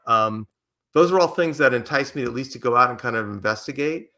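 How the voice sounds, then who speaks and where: An older American man, a podcast guest, telling lively career anecdotes and acting out quotes. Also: mid-range voice, a little fast. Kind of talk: storytelling interview answer.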